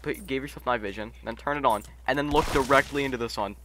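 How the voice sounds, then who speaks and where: A man's voice: medium pitch, fast talker, a bit bright, slight background noise. A young man streaming a game with friends, casual and exasperated, swearing often. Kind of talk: casual gameplay chat with friends.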